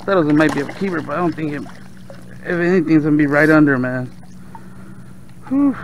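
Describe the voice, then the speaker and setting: South texas guy chatting to his viewers off a kayak, a bit high, gravelly voice. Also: fairly quick. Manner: relaxed, talks to fish and viewers. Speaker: fishing vlogger. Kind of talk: casual running commentary while fishing. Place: outdoors on open bay water. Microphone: action camera on the kayak. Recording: dull outdoor camera audio with faint water noise.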